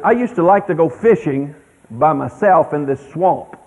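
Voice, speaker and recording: Man, middle-aged, husky voice, rambling folksy storyteller. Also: on the high side, moderate pace. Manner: rambling, animated, drawling with fillers. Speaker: speaker telling a story to an audience. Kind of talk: folksy anecdote telling. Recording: tinny radio broadcast.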